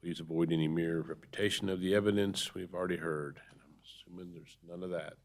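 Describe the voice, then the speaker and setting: A man's voice: low-pitched, steady tone, fast talker, slight background noise. A man chairing a public board meeting, moving through formal procedure with informal asides.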